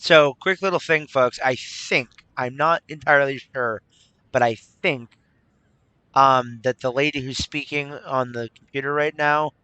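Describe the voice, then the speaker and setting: A man's voice: medium pitch, a bit bright, clear, resonant tone, no room sound, rough recording. A man giving casual, hesitant commentary while playing a game. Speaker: host of a game playthrough.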